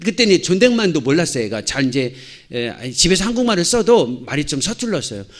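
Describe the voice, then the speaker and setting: Middle-aged pastor guy teaching church teachers, kinda high voice, super animated, acts out the yelling bits. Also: quick pace. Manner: animated storytelling, acting out shouts and dialogue. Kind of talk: lecture-style sermon. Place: church hall. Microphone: handheld mic.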